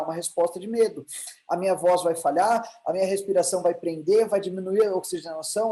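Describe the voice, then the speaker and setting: A man with a Brazilian Portuguese accent gives an online lecture on emotional intelligence, posing rhetorical questions and answering them himself while often restarting his sentences. His voice is high-pitched and mellow, and the audio is poor.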